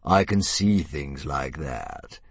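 A man voicing a huge, sleepy, smugly polite old male dragon who speaks with slow courteous menace. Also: very deep voice, no room sound, voice pushed down, full character voice.

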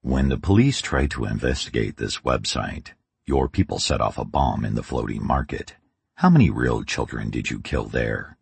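A man voicing a hard, terse fixer who speaks in a cold, flat voice. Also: very deep voice, normal speed, vocal fry, husky, no echo, full character voice.

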